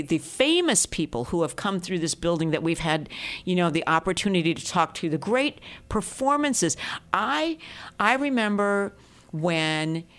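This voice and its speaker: A middle-aged woman who hosts a classical music radio show speaks during an interview. Her talk is chatty and rambling, full of fillers. She is recorded in a radio studio. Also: lowish voice. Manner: chatty, rambling, many "you know" fillers. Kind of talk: interview conversation.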